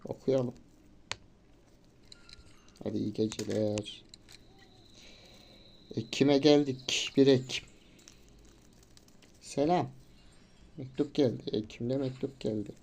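Man, gameplay commentary, reads game text aloud, mellow voice, bursts of excitement. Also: mid-range voice, slow pace, creaky, pauses often. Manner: gets loud and excited during tricky moments, casual swearing; reads game dialogue in a plain voice. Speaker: gamer.

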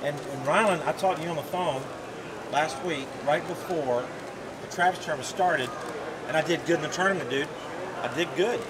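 An upbeat pro angler in his forties vlogs casually, greeting fans in a busy hall and later chatting in a hotel room, forever saying "dude" and "man." His voice is on the high side at a moderate pace, caught by a handheld camera at arm's length amid noisy hall ambience.

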